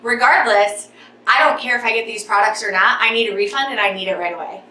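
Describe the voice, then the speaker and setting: A young woman with a bright, forceful voice recounts a customer service ordeal for her vlog, worked up and gesturing as she talks. She is a little back from the mic in an echoey room at home, so her voice rings off the walls. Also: on the high side, fast talker, far from the mic. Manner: talks with her hands, getting worked up and out of breath. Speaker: vlogger. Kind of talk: animated storytime vlog.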